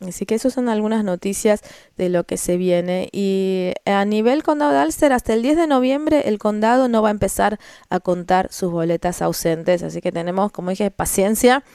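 A woman hosts a radio talk show and reads the local news. Her voice is smooth and clear. She halts often, filling gaps and restarting phrases. The sound is dry. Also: medium pitch, steady tone, normal speed, mellow, no echo. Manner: hesitant, many fillers and restarts. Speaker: radio host.

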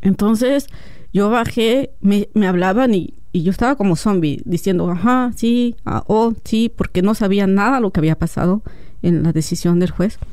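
A woman's voice: medium pitch, moderate pace, dry recording. A woman who is a radio guest, telling a personal story and acting out the dialogue. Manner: animated storyteller, acts out dialogue.

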